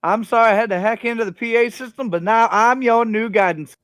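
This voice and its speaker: A man voicing El Khan, a small, brash French leprechaun spirit who bosses people over a loudspeaker. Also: extremely high pitch, a little fast, clean tone, no echo, pitched above the performer's own voice. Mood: chirpy.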